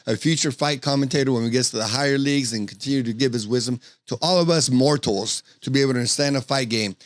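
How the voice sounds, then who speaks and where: A man's voice: mid-range voice, fast, dry recording, studio quality. A man hosting a casual podcast, effusive and full of hype as he introduces guests and fights. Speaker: podcast host.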